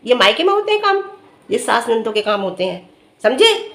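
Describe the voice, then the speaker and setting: High-voiced woman giving scolding advice. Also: very animated, normal speed, a bit bright, roomy sound. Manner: earnest, lecturing, scolding advice with rhetorical questions. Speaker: vlogger commenting on another family's dispute. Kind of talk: direct-to-camera opinion commentary.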